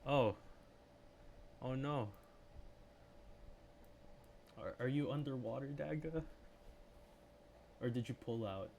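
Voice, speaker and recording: A man hosting a live trading stream, casually walking through chart analysis and reacting to his chat in excited bursts. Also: mid-range voice, unhurried, creaky, slight background noise. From Philippines. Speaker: livestream trading host.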